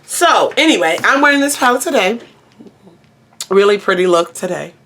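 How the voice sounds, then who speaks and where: A woman's voice: mid-range voice, expressive, normal speed, a bit bright, a little hiss or hum. A woman giving a casual makeup review to camera, rambling and often doubling back to repeat herself. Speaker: beauty reviewer.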